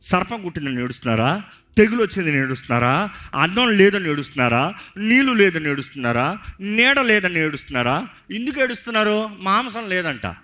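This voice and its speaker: A man's voice: sits high, very animated, brisk, pushed and bright. A male pastor preaching in a sermon, repeating phrases and acting out pleading quotes, switching into English now and then. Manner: preaching with dramatic voiced quotes and repetition.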